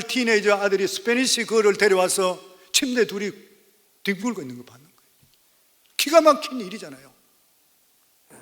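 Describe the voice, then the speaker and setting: Man, senior pastor, fifties, sermon with storytelling and emphatic appeals, high voice. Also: fairly bright tone. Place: church sanctuary. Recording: church hall reverb.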